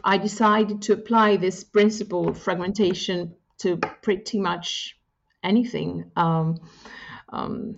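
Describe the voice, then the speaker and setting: This guest is from Greece and speaks Greek as her first language. She answers interview questions reflectively, with many pauses and fillers, in a creaky, medium-pitched voice over muffled audio.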